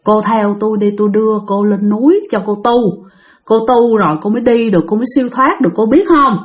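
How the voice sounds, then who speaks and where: A woman voicing a stern male exorcist, speaking slowly and firmly. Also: on the high side, lightly acted. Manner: slow, firm, measured.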